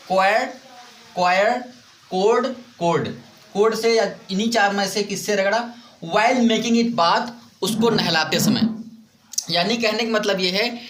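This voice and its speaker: A man's voice: high voice, bright, forceful tone. A man with an Indian English accent teaching a lesson in a mix of Hindi and English, explaining step by step, repeating words and asking the class questions.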